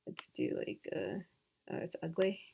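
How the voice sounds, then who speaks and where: A woman giving a casual software tutorial, thinking aloud with hesitant fillers and dropping to soft mutters as she works. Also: sits low, very animated, measured pace, gravelly, slightly rough. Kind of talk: screen-recorded tutorial.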